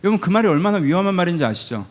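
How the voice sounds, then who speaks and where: A man's voice: high-pitched, very animated, rapid-fire. A man preaching a sermon as a pastor, talking to the congregation in a casual, conversational way and acting out everyday family conversations. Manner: conversational, acts out quoted family talk. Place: church sanctuary.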